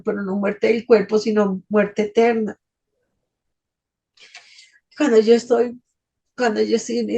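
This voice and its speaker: Woman telling her faith testimony, emotional and intense, kinda husky, a bit high. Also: a little mellow. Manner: emotional, intense, tearful at times. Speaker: guest speaker giving a testimony. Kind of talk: religious testimony talk.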